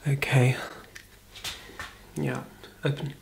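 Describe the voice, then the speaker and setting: A woman in her thirties performing a fast ASMR role-play as a brisk, chatty makeup artist, murmuring softly close to the microphone. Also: very deep voice, little pitch movement, slight background noise. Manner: fast, breathy ASMR soft-spoken and soft murmuring.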